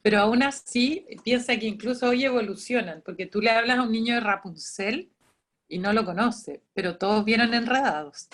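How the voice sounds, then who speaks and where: A woman's voice: on the high side, normal speed. A woman, a librarian running an online training session for volunteer storytellers, explaining in a chatty way with many restarts and quoted dialogue.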